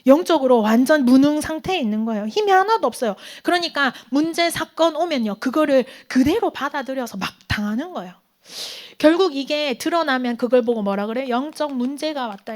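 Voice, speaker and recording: A woman preaching a sermon to a church youth group, asking questions and answering them herself, sometimes dropping into a whisper. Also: sits high. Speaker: youth pastor. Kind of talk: sermon to teenagers. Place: church hall.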